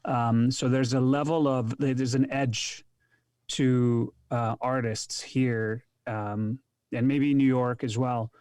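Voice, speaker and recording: A man from Egypt talks as a podcast guest over a video call. His voice sounds dry and close, with little room around it. He speaks thoughtfully and hesitantly, filling pauses with ums. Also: medium pitch, steady tone, a little mellow, clean tone, no room sound. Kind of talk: casual interview chat.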